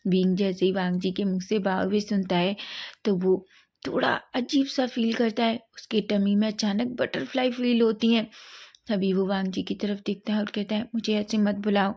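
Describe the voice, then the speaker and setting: Woman with a flat, mellow storytelling voice. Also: mid-range voice, moderate pace. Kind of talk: fan fiction story narration.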